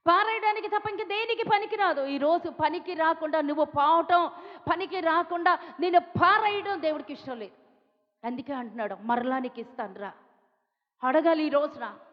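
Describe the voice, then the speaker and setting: Telugu lady preacher, high voice, lots of rhetorical questions, echoey hall, muffled sound. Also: fairly quick. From India. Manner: emphatic repetition, rhetorical questions, pleading. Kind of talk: sermon. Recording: dull sound with long hall reverb.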